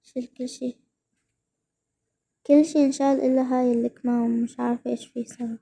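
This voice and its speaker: A young woman, giving excited gameplay commentary and repeating words rapidly when thrilled. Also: high voice, creaky, slight background noise. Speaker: gaming vlogger.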